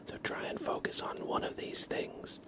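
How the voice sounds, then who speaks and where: An American man from the East Coast near New York hosts an ASMR livestream, whispering softly and breathily. He's unhurried and gently reassuring, mixing casual chat with card reading.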